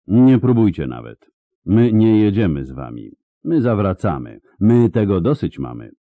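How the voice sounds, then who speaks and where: A hoarse, proud woman mercenary leader speaks bluntly and defiantly, as a male audiobook narrator puts her on. The voice sits higher and louder than his own. The sound is dry and close. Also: very animated, moderate pace, dry recording, phone-quality sound, heavily acted.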